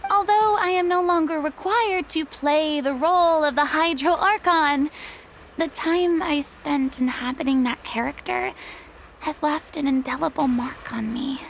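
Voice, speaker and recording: Furina, a high-pitched haughty diva. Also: female voice, unhurried, vocal fry, a little hiss or hum. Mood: wistful, resolute. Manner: theatrical, haughty, indignant, formal wording. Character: haughty, dramatic former archon, a proud retired stage diva. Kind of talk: video game voice acting. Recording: background music under clean studio dialogue.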